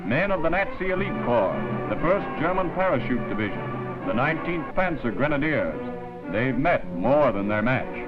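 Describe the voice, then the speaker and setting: A man's voice: mid-range voice, big pitch swings, moderate pace. A man narrating a wartime newsreel in the rousing, declamatory announcer style of the 1940s. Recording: muffled 1940s newsreel soundtrack, loud music.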